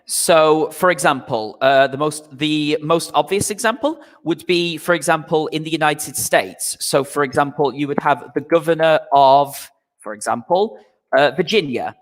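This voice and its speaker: A man with a voice on the high side teaches an English vocabulary lesson to a live online class, his voice sounding as if in a large hall. He is patient and repetitive, explaining slowly and asking "okay?" after nearly every point.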